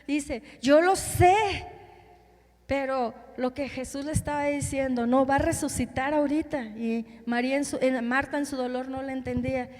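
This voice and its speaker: Predicadora mexicana de voz aguda. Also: female voice, sits high, fairly even intonation, normal speed, hardly any pauses, darkish tone. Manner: asks the congregation questions, retells scenes with feeling. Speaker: preacher. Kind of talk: sermon. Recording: long hall reverb.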